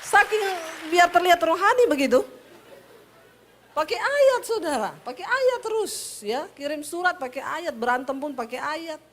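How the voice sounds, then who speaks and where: A woman's voice: very high-pitched, very animated, moderate pace, a bit bright, a faint crowd, slight background noise. A middle-aged woman pastor from Sulawesi with a Sulawesi Indonesian accent, preaching a humorous sermon in a punchy, teasing storytelling manner.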